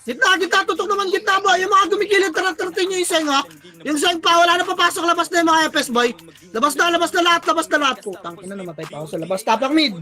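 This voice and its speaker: A player calling shots in live esports team comms, barking rapid callouts, counting down and cursing often. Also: very high voice, fairly even intonation, sharp tone. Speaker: team shot-caller.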